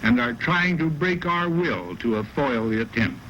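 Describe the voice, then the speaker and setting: A man's voice: medium pitch, animated, unhurried, bright, forceful tone, a little hiss or hum. A man delivering a firm, formal political speech. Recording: dull archive broadcast.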